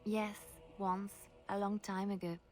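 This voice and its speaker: An actress playing a gentle, romantic young woman companion in a video game, speaking in a reflective, poetic way. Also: medium pitch, flat delivery, measured pace, soft background music, close to an everyday voice. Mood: nostalgic. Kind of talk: video game dialogue acting.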